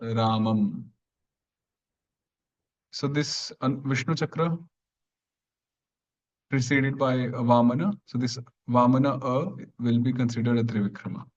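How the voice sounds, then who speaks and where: A man teaching an online grammar class, explaining patiently step by step and clearing his throat now and then. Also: medium pitch, steady tone, moderate pace, muffled recording.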